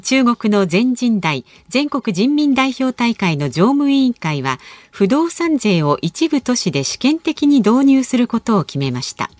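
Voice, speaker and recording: Brisk woman co-host on dry radio. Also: a little high, big pitch swings, a little mellow, dry recording. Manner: brisk, teasing, keeps the show moving. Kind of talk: radio announcing and chat. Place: radio studio.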